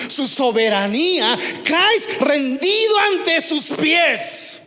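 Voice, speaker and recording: A man with a Mexican Spanish accent preaching a sermon as pastor, emphatic and full of rhetorical questions, swinging from soft and low to loud and high. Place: church hall. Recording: long hall reverb.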